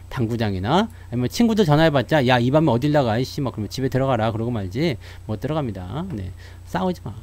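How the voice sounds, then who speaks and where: A man's voice: medium pitch, no echo. A man giving casual stock market commentary to his viewers, telling stories in a chatty way and laughing often.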